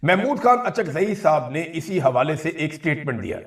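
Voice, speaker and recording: A man's voice: fairly high pitch, big pitch swings, moderate pace, a bit bright. Insistent male commentator in an echoey room. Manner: emphatic, insistent, repeats key phrases. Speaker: political commentator. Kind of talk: monologue political commentary to viewers. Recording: roomy echo, mic at a distance.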